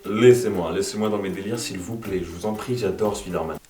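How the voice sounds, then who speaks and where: A man's voice: sits low, steady tone, quick pace. Young man ranting in a roomy room. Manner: crude, self-mocking, bursts into mock-angry shouting. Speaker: YouTuber answering viewer questions. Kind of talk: casual Q&A vlog. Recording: roomy sound from a distant mic with music. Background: background music.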